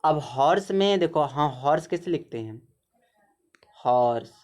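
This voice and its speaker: A man's voice: on the high side, lively intonation, normal speed. Patient man teaching grammar, repeating points. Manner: patient, repetitive explaining with frequent "theek hai". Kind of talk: grammar lesson over a zoomed screen.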